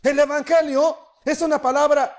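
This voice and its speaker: High-voiced animated male preacher. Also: normal speed. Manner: animated preaching, acts out voices, rises and drops in volume. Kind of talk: sermon. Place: congregation.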